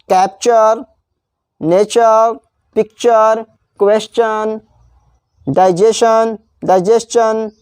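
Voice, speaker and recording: A man teaching a spelling lesson. He spells out letters slowly, repeats each example word, and slips into chatty asides. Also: high-pitched, darkish tone, no echo. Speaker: English teacher. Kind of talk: classroom-style spelling lesson.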